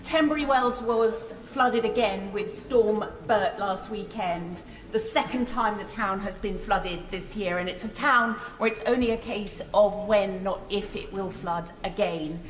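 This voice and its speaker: A British-accented woman of middling pitch reads out a formal parliamentary question. Her voice carries strong echo from a large chamber. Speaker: member of parliament. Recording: very echoey large hall.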